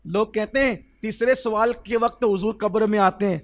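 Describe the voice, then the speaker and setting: High pitched guy preaching, urdu accent, gets loud then goes soft, keeps asking the crowd questions. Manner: emotional, swells to loud exclamations and drops to soft; asks the audience rhetorical questions. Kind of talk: sermon storytelling.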